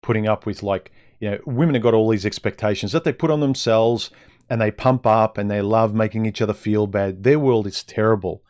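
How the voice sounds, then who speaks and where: A man with a fairly low voice delivers an opinionated, off-the-cuff livestream monologue. His speech sounds slightly muffled and impeded, as though he is wearing a mouthguard. He is blunt and conversational, addressing his listeners directly. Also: fairly quick, darkish tone. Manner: blunt, conversational, rhetorical questions. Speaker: livestream host giving dating advice. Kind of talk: casual opinionated monologue to live chat.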